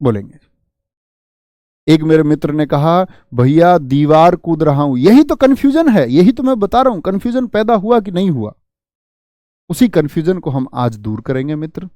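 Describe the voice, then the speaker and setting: Male teacher, high voice, dry close sound, online grammar lesson, quick rhetorical questions. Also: big pitch swings, dark tone, dry recording. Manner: drills with rhetorical questions, addresses students as friends.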